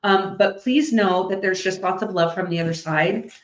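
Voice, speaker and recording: A woman working as a psychic medium, giving a live reading to an audience and thinking out loud as she passes on messages. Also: medium pitch, normal speed, slight background noise. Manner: chatty, thinks out loud while relaying messages. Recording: echoey, slightly dull recording.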